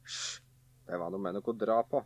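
A man's voice: fairly low pitch, fairly even intonation, no room sound, voice pushed down, natural voice. A man voicing two scornful older brothers in a folk tale who scoff at their younger brother. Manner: dismissive, scoffing.

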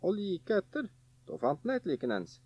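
A man narrating a folk tale in a lively, animated way. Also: high voice, slightly rough, no echo. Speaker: storyteller. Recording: dull, dry recording.

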